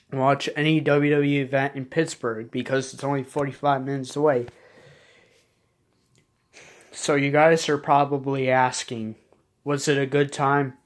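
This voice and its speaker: A young man chatting casually in a late-night home vlog, rambling and restarting his sentences often. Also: medium pitch. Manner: rambling, repeats himself, frequent restarts. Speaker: vlogger.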